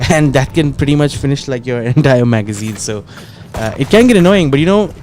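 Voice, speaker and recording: A man's voice: medium pitch, lively intonation, normal speed, darkish tone, slight background noise. A man with an Indian English accent casting an esports tournament, chatty and analytical, laughing now and then. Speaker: esports caster. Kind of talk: play-by-play commentary.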